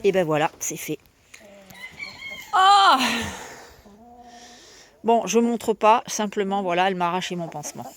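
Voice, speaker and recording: A woman's voice: lowish voice, fast talker, hardly any pauses, a little mellow. A woman chatting casually to her viewers while tending her hens outdoors, talking spontaneously and cooing fondly at the birds. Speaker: backyard poultry keeper vlogger. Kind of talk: casual vlog chat. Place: outdoors by a henhouse.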